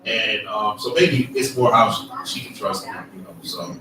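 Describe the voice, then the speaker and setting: A man's voice: lowish voice, normal speed, background noise. A man answering a panel question in a casual group talk, reflective and self-assured as he explains himself. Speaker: panel guest. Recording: very echoey room, distant mic, crowd behind.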